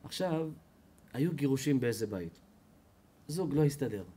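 A man, a rabbi, giving an animated Torah class to an audience, telling stories and acting out the people in them. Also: a little hiss or hum. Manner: expressive storyteller, acts out quoted people with loud high shouts. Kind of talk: animated sermon.

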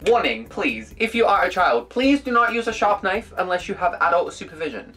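A woman's voice: mid-range voice, expressive, normal speed, fairly bright tone, soft background music. A young woman vlogging casually, playful, giggly and dramatic as she chats to the camera. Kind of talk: casual vlog chat.

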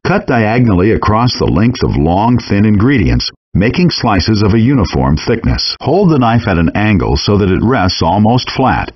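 In a calm, measured, instructive way, a man reads scripted cooking instructions as a voice-over. His fairly low voice carries a lively lilt, a slight huskiness and a breathy edge, and the game audio behind him sounds dull and lo-fi.

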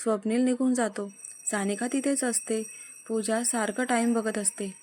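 Lady reading a story out loud, steady, kinda high voice. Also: normal speed, slight background noise. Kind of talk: audio story narration.

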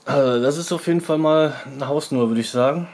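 A man's voice: on the high side, fast talker, a little mellow. A man hosting a casual tasting vlog, exclaiming as his mouth burns from spicy food. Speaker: host of an online video channel. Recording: clearly noisy background.

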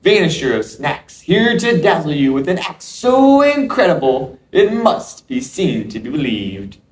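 A man doing a booming squirrel showman. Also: big pitch swings, a little slow, slight background noise. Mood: showy. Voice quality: booming showman delivery, drawn out. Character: showy young male squirrel magician. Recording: roomy sound from a distance.

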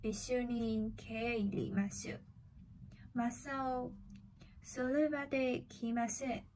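A woman's voice: on the high side, fairly even intonation, extremely slow, a little mellow, slight background noise, low-quality recording. A woman doing a worried bus driver. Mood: calling.

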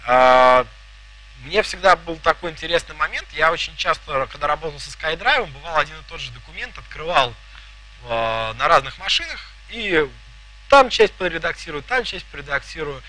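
With a fairly high, animated voice that's bright and forceful, a thirty-something presenter gives a live technical talk at a moderate pace. He jokes and asks the audience questions in a conference hall in front of a projector screen.

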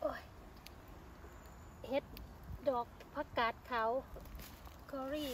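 A woman's voice: very slow, slight background noise. A woman with an Isan accent, chatting casually to viewers as she forages for mushrooms outdoors, full of exclamations. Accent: Isan (Northeastern Thai). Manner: chatty, calls viewers "brothers and sisters", frequent exclamations. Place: outdoors in the countryside.

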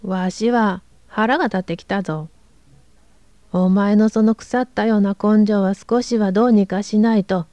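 A woman's voice: mid-range voice, steady tone, unhurried, mellow, no echo, dull audio, lightly acted. A woman reading aloud, voicing a harsh, domineering middle-aged father who barks orders. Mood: gruff. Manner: gruff, barking orders.

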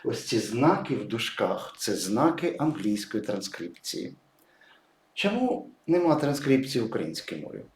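A man's voice: medium pitch, big pitch swings, moderate pace, echoey room. A man teaching English pronunciation patiently, writing words and stressing each example. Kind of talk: explaining pronunciation at a whiteboard.

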